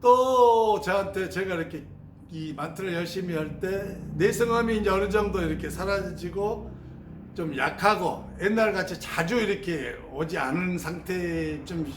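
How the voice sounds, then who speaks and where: A man telling his spiritual experiences in an animated, storytelling way and mimicking sounds as he teaches. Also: high voice, measured pace. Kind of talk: spoken teaching on meditation experiences. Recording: roomy sound with faint ambient noise.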